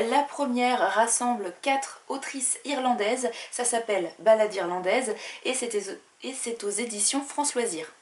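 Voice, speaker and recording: A young woman presenting her bookshelf in a casual vlog, listing titles and publishers with quick asides and the odd filler. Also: fairly high pitch. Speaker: book vlogger. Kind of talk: casual book haul presentation.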